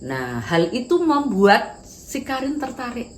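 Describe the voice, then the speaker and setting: A woman telling a devotional story for Sunday school children, expressive and asking her listeners questions. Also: on the high side, takes it slowly. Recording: echoey room recording.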